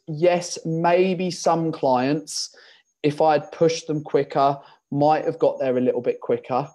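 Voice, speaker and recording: A man, an online fitness coach, giving casual coaching advice in an interview, telling animated stories, swearing freely and acting out conversations with clients. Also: on the high side.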